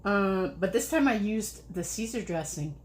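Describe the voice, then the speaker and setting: A woman chats her way through a home cooking livestream, rambling loosely and laughing between steps. Her voice sits at a middling pitch and carries the echo of a hard-surfaced kitchen. A faint hum of noise runs underneath. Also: expressive, moderate pace. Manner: chatty, rambling, laughs often. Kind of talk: casual cooking livestream chat.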